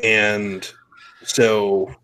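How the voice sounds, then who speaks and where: Low-voiced casual male host. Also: little pitch movement, drawn-out words, sharp tone, smooth, low-quality recording. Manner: blunt, loose and profane, laughs easily. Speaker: podcast host. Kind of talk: casual chat.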